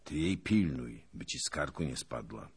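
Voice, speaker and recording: A man voicing a grim, blunt Cossack colonel who speaks with low gruff warning, in a storybook reading. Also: expressive, normal speed, heavily acted.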